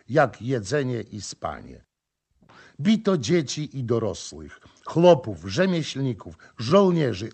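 A man reading an audiobook in measured, expressive scripted narration. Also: medium pitch, slightly rough.

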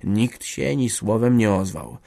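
Male narrator, lowish voice, dramatic literary audiobook reading. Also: big pitch swings, measured pace, creaky, mellow.

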